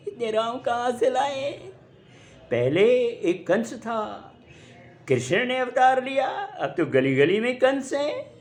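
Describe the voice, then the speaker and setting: An older man recites comic verse to a crowd, stretching his lines out in a slow, drawn-out comic delivery. His voice sits notably high for a man. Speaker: comic poet. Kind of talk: stage comedy poetry recitation.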